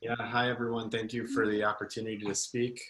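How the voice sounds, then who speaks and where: A young American man tells his story in a casual, hesitant way, with plenty of restarts. His voice is bright and sharp but keeps almost no pitch movement. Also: little pitch movement, brisk, poor audio. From United States. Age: young adult. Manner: hesitant, many fillers and restarts. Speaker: guest speaker. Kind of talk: casual personal account.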